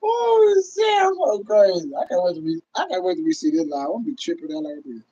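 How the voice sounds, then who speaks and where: A high-pitched man in his thirties with a very lively voice that jumps around, ranting on a livestream. He is loud, profane and laughing as he talks to his viewers. The audio is dull and lo-fi. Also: fast talker, husky. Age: 30s. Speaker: livestream host. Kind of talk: casual livestream rant.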